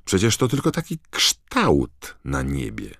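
A man's voice: low-pitched, huge pitch swings, slow, creaky, fairly bright tone, husky, no echo, clean studio sound, voice pushed up, exaggerated voice. A man voicing a puzzled, impatient teenage boy, in an audiobook.

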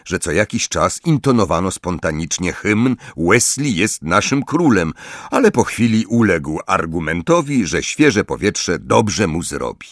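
A man reads an audiobook in a low voice, with expressive, measured storytelling. His pitch rises and falls freely across the lines. The recording is close and dry, with no room sound. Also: no echo. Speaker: audiobook narrator. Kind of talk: scripted narration.

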